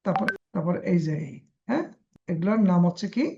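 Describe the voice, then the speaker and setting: A man's voice: sits high, lively intonation, fairly quick, vocal fry, warm tone, a little hiss or hum. A man from Bangladesh teaching an English pronunciation webinar. He mixes English terms into his explanations. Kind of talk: live webinar lesson. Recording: dull lo-fi webinar audio.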